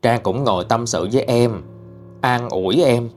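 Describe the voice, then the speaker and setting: A man's voice: mid-range voice, normal speed, darkish tone. Man telling a ghost story. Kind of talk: first-person ghost story narration. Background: faint music.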